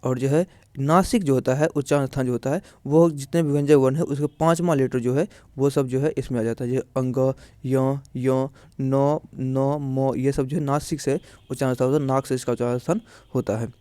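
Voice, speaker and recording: A man's voice: medium pitch, steady tone, quick pace, mellow, dry recording. A man teaching a grammar lesson, explaining step by step in a repetitive way, often asking and answering his own questions. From India.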